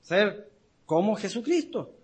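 Slow, husky-voiced man preaching. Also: high voice, big pitch swings. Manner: slow, deliberate, repeats key words for emphasis. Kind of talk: sermon with Bible reading.

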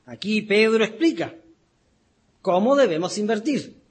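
Slow, husky-voiced man preaching. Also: high-pitched, expressive. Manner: slow, deliberate, repeats key words for emphasis. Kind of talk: sermon with Bible reading.

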